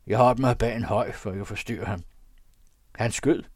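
Man doing a gruff huntsman, harsh and scolding, a bit raised, dry recording. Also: lowish voice, darkish tone, no echo, lightly acted. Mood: telling. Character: gruff angry male huntsman, threatening.

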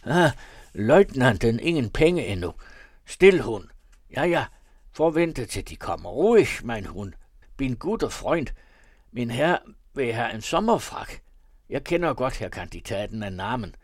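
A man's voice: medium pitch, sing-song, no echo, studio quality, voice pushed up. A man voicing a nervous, fawning middle-aged tailor with a German accent.

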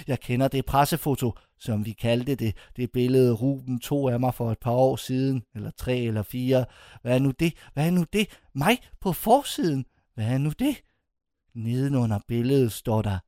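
A man narrating a first-person literary story with lively expression, his voice rising sharply whenever the narrator grows indignant. His pitch sits in a middle range for a man. The recording is close and dry, with no room sound. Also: no echo. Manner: expressive, voice climbs high when indignant.

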